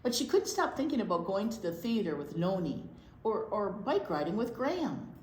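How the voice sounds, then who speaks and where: A woman's medium-pitched voice fills a library storytime as she reads a picture book aloud with animation, regularly pausing to wonder aloud and ask the young listeners questions. Clear background noise and a roomy echo are present.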